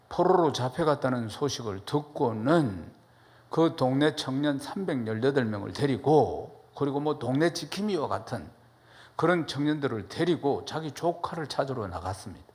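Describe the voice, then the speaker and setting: A middle-aged male pastor delivering a sermon, telling it like a story and opening with folksy humor. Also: medium pitch. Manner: storytelling preacher who opens with folksy humor; shifts pace and loudness for emphasis.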